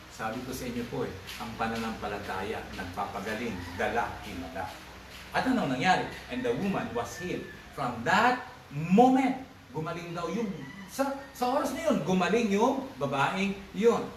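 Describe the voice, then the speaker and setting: A man preaching a sermon as pastor, mixing Tagalog with English, swinging between loud emphatic bursts and low asides. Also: slight background noise. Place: church hall. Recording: echoey church livestream, distant mic.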